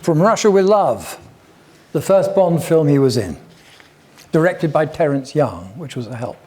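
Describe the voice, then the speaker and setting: An older man tells stories to an audience in a chatty, wandering way, dropping in wry asides. His voice sits a little high for a man, but its tone is soft and mellow. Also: animated, measured pace. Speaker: guest speaker at a local history talk. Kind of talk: anecdotal public talk.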